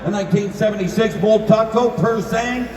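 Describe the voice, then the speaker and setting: Very high-voiced male lot announcer. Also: brisk, darkish tone. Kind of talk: formulaic live announcement. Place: large auction hall over PA system. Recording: echoey hall from far off, crowd noise.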